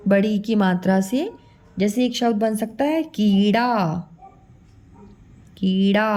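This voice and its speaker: High-pitched lady teacher going real slow, drawing out sounds for kids. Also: a little mellow. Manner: slow, drawn-out syllables for children; calls the listener "beta". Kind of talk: children's Hindi lesson.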